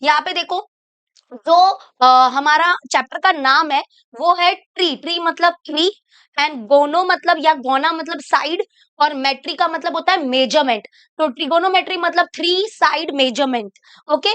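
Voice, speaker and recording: Bright high-voiced woman teaching maths. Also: unhurried. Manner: mixes Hindi with English terms, asks students to repeat. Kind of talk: board exam maths lesson.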